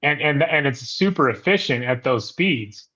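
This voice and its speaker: A man's voice: mid-range voice, lively intonation, normal speed, bright, forceful tone, dull audio. A man co-hosting a casual aviation podcast, explaining eagerly and often restarting his sentences. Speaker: podcast co-host.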